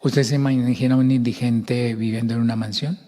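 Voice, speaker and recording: An older man with a Bogotá accent preaching a sermon, expressive, acting out voices and shouts. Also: medium pitch, moderate pace, in a large hall. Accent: Colombian, Bogotá.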